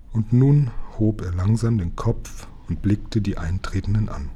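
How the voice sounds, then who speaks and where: A man reading a children's book aloud in a calm, measured storytelling manner. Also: fairly low pitch, breathy edge. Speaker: reader.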